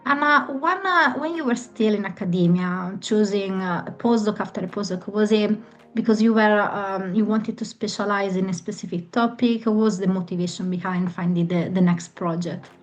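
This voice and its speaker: A woman from Italy hosting an interview, asking warm, encouraging questions about her guest's career. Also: mid-range voice, moderate pace. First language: Italian. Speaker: podcast host.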